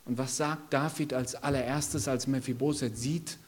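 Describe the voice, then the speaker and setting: A man preaching a sermon in a church service, impassioned and rising to loud pleading calls. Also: medium pitch, fairly even intonation, normal speed.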